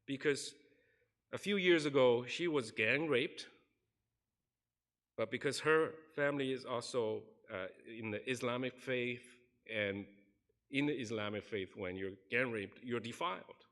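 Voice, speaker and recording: A pastor's mid-range, fairly bright voice comes a little slow as he preaches in a church sanctuary. He earnestly tells a story, acting out each quoted person.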